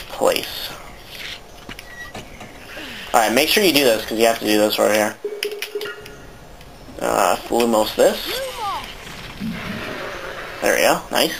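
A man's voice: on the low side, vocal fry, noisy background. Rambling, cussing man doing game commentary. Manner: rambling, swears casually. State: sore throat. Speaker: let's play commentator. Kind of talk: casual gameplay commentary.

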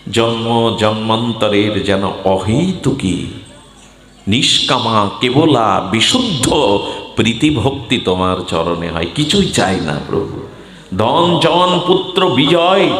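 A man with a Bengali accent giving a devotional sermon to a gathering, speaking slowly and declaiming, sometimes breaking into chanted verses. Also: mid-range voice, fairly bright tone. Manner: slow and declamatory, rising into sung and chanted scripture lines. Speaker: Bhagavata reciter and preacher. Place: gathering hall with an audience. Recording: echoey live hall.

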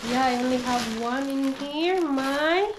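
High-pitched and slow, this haul vlogger is a woman in her thirties fighting a cold, enthusing about items as she unboxes them at home in her living room. The recording is noisy, with crinkling packaging audible behind her.

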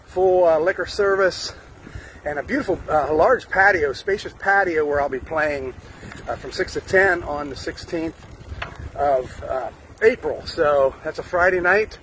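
A man's voice: fairly high pitch, fairly bright tone, rough recording. An older man chatting upbeat with many fillers, recording himself outdoors on a bike ride with a handheld phone. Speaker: musician vlogger. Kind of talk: casual vlog update. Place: outdoors on a sunny street, riding a bike. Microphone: phone camera held close. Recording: faint wind noise outdoors.

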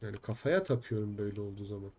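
A man's voice: lowish voice, very fast, a little mellow. A young man live-streaming a simulator game, chatting with viewers and swearing in frustration at its bugs. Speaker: gaming streamer.

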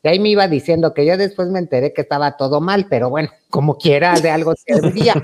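A man's voice: a little high, lively intonation, brisk, darkish tone. Chatty Mexican man telling a story. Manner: chatty, playful, campy, calls the audience "hermanitas". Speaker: YouTuber host. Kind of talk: storytime monologue.

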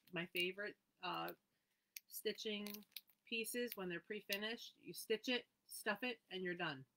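A woman with a medium-pitched voice hosts a live needlework sale against a noisy background. She reads out item numbers and prices and chats casually with viewers by name.

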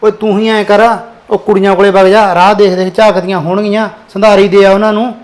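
A man's voice: high voice, level tone, fairly quick, lightly acted. A man playing an impatient village farmer father with a Punjabi accent, scolding his son. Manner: scolding, nagging. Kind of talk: village drama acting.

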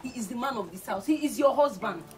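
An actress with a Nigerian accent playing a dutiful young daughter who softly pleads for family peace in a Nollywood film. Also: female voice, fairly high pitch, animated, fast talker, natural voice. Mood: pleading. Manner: pleading, soft. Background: film score music.

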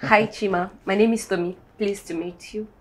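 A woman's voice: medium pitch, fairly even intonation, moderate pace, a little hiss or hum, natural voice. A woman playing a polite, proper student roommate in a film drama, with a Nigerian accent.

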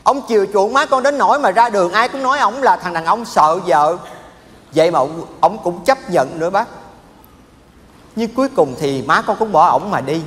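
A man's voice: high voice, fairly bright tone. An actor playing an earnest young man who respectfully explains his father to an elder. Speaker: stage comedy actor. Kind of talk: stage sketch acting. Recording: live stage with hall echo.

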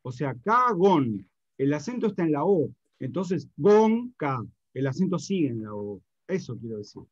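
A man's voice: mid-range voice, animated, brisk, warm tone, slightly rough, dry recording. A man co-teaching a class, adding a clarification with some hesitation. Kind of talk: online lecture. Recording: dry, muffled audio.

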